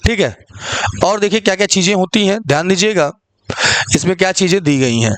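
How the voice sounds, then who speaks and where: High-voiced male teacher lecturing. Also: brisk, no room sound. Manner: asks the class questions and answers them himself; repeats "ठीक है" often. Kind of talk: online exam-prep lecture.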